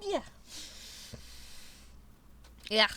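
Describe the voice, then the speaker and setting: A woman's voice: extremely slow, pushed and bright. A woman chatting casually on a live stream, rambling, swearing freely and laughing often, with a runny nose.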